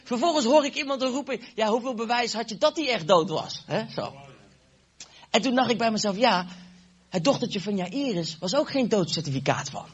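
A man preaching, telling a testimony and acting out the dialogue with animated energy. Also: extremely high pitch, moderate pace, husky, lo-fi sound. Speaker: evangelist preacher. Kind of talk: sermon testimony.

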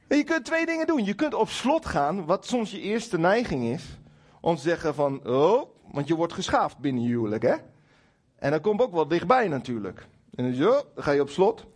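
A middle-aged man preaching a sermon in a church hall, his husky voice rising and falling widely. He speaks slightly high for a man and addresses his congregation directly and emphatically. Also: moderate pace. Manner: lively, emphatic preaching with acted quotes to God; addresses listeners directly, with humour about his marriage.

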